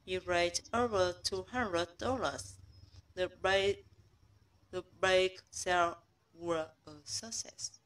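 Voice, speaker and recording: A woman whose first language is Vietnamese, slowly and carefully reading a simple story aloud with small slips. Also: fairly low pitch, steady tone, fairly bright tone, rough recording. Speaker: English learner.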